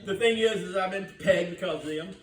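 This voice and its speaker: Captured from a distance in a roomy church sanctuary, an older pastor with a high-pitched voice preaches a little fast. He tells folksy stories and keeps asking the congregation questions.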